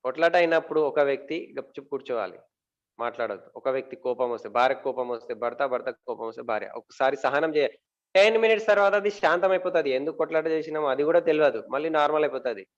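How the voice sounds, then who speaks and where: A man giving a talk about marriage to an audience. He asks questions and answers them himself, pausing often with fillers and repeating words. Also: fairly high pitch, highs cut off.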